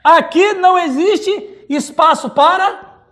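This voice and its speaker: A man's voice: very high-pitched, slow pace, bright, forceful tone. A male pastor with a Brazilian Portuguese accent, teaching a Bible study and calling on listeners by name.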